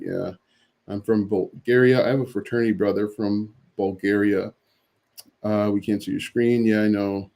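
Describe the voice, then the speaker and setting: A man's voice: lowish voice, mellow. A man hosting a casual livestream, reading viewer questions from the chat and answering them with frequent fillers and restarts.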